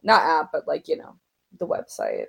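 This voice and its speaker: A young American woman talks casually in a somewhat low voice. She is opinionated and emphatic, stopping and restarting with many fillers. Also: wildly swooping pitch, creaky, husky. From Oklahoma, United States. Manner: halting, filler-heavy, emphatic.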